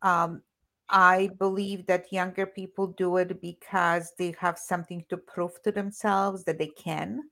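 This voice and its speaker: A woman's voice: on the low side, little pitch movement, unhurried, vocal fry, a bit bright. A woman co-hosting a podcast as a relationship coach. She talks in a casual, hesitant way, stumbling over restarts and fillers as she works out her point.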